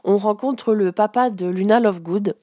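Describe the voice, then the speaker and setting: A woman giving a casual spoken lesson as a teacher, explaining slowly with frequent hesitations. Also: medium pitch, dark tone, no room sound, studio quality. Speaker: English teacher.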